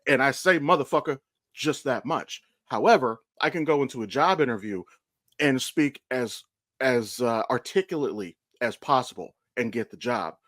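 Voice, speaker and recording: An American podcast host in his thirties from Ohio chats casually and candidly, telling rambling stories with plenty of profanity. His medium-pitched voice has a fairly bright tone at normal speed, recorded with clean studio sound and no room sound.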